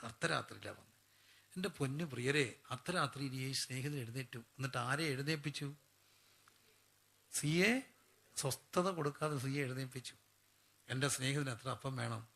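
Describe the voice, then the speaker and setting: A man preaches a sermon in a gravelly, tense voice. He draws the congregation in by asking them questions and answering each one himself. His voice sits at a middle pitch. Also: bright, forceful tone.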